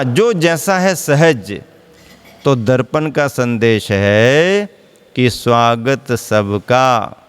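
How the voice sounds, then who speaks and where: A man giving a sermon as a monk preacher, speaking slowly and deliberately, repeating key phrases and posing questions he then answers himself. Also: fairly high pitch, smooth, in a large hall.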